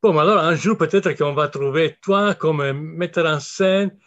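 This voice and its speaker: A man's voice: fairly high pitch, unhurried, fairly bright tone, lo-fi sound. A man hosting a live-streamed interview, friendly and joking with his guest. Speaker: host. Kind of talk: casual interview chat. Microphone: video call.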